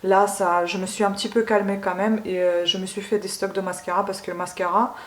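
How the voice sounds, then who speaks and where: A woman unboxing beauty products at home in a casual vlog, gushing over each item and pausing often with filler sounds. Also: mid-range voice, little pitch movement, roomy sound. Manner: gushing, keeps saying she loves it; hesitant, many filler sounds. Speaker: beauty vlogger.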